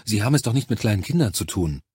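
Guy reading an audiobook doing a brisk lady army doctor, bossy and practical, husky voice, dry close sound. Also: on the low side, big pitch swings, darkish tone, no room sound, heavily acted. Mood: urging. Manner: firm, matter-of-fact, briskly commanding. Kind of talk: audiobook character voice.

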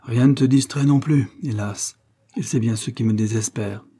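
A man's voice: medium pitch, moderate pace, mellow, husky, lightly acted. A man playing a doting, blustering rich father in an audiobook, coaxing with forced jovial cheer.

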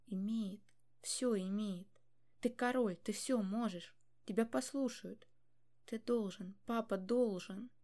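A woman voicing a desperate young woman who pleads with her father in a loud, breaking voice, in a storybook reading. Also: medium pitch, fairly even intonation, normal speed, close to an everyday voice. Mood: defiant.

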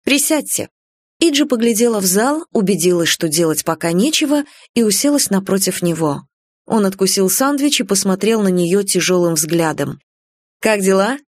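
A woman narrating a novel as an audiobook reader in an even, measured way. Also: medium pitch, no echo, studio quality. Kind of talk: scripted narration.

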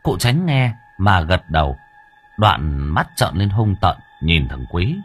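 Guy reading a story, husky lowish voice, lively pitch, music under. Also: slow pace. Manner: dramatic, expressive. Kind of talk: audiobook narration.

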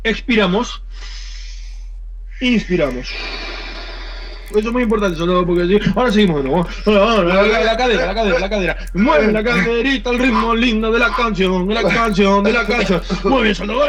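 An actor playing a bossy, pompous army sergeant in a comic radio sketch, barking drill sergeant commands in a gravelly voice. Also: male voice, high-pitched, fairly quick, a crowd in the background, close to an everyday voice. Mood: gleeful, commanding.

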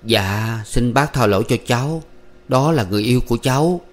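A man's voice: medium pitch, fairly quick, natural voice. A man voicing a nervous young man who stammers and pleads with an older man. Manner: anxious, stammering.

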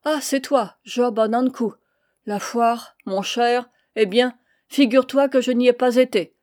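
A woman's voice: fairly high pitch, fairly even intonation, unhurried, a little mellow, no room sound, clean studio sound, natural voice. A woman voicing a drunk male farmer, bewildered and grumbling after sleeping at a tavern table, in a storybook reading. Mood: groggy. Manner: mumbling, bewildered.

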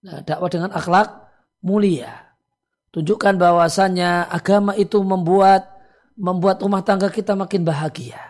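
A man, an Islamic cleric, giving calm religious advice to listeners, with many "eh" and "ya" fillers. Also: high-pitched, moderate pace.

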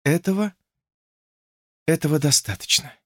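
Casting: a man doing a composed, mocking young woman, lilting and high, dry recording. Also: very animated, measured pace, a bit bright, no room sound, exaggerated voice. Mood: sad. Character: teasing, self-assured young woman Lucy.

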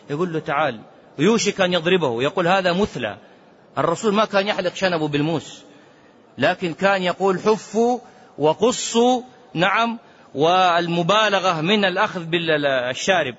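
A man with a high-pitched voice delivers a religious lecture, pressing his points with colloquial rhetorical questions and repeated words. He chants quoted sayings in a slow sing-song and drops into quiet muttered asides. The recording sounds dull and lo-fi. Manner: animated, swings from loud emphasis to low muttering asides. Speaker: Islamic scholar giving fatwas.

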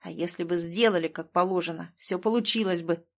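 A woman's voice: lowish voice, a little fast, vocal fry. A woman reading the lines of a stubborn, bitter man who speaks curtly. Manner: curt, bitter.

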